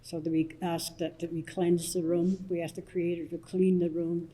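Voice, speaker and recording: Older woman elder opening a community assembly; slow, soft and halting, low warm tone. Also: little pitch movement, poor audio. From Blood Tribe, southern Alberta, Canada. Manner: soft-spoken, halting, many pauses and restarts. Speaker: elder leading smudge ceremony. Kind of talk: opening blessing and explanation at a public assembly.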